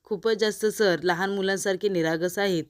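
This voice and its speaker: A woman voicing a kind, admiring young wife in a serial recap, speaking warmly. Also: medium pitch, steady tone, normal speed, clear, resonant tone, lightly acted. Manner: warm, admiring.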